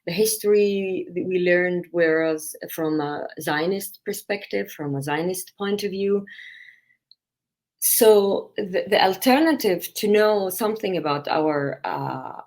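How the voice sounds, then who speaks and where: A woman's voice: fairly low pitch, slow, darkish tone. A woman novelist, speaking hesitantly with many fillers in a recorded interview. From Palestinian citizen of Israel. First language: Arabic.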